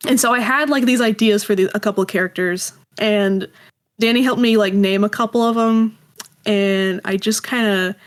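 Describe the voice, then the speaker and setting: A guest who makes audio dramas, this woman has a mid-range voice, a steady tone, and normal pace. She recounts stories casually and with self-deprecation while being interviewed as a creator, acting out little quoted conversations.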